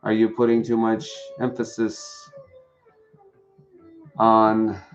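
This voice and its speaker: A man's voice: fairly low pitch, monotone, slow pace, dull audio, soft background music. Man giving a chatty tarot reading. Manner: chatty, reads out chat and greets viewers. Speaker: tarot reader. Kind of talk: live-stream tarot reading.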